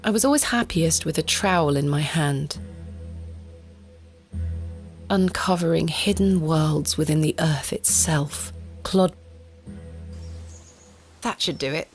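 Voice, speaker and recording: A woman's voice: sits low, a little slow, faint music behind. A woman voicing a wry, independent, curious lady antiquarian in a video game, articulate and self-possessed. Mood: determined. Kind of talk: video game protagonist monologue.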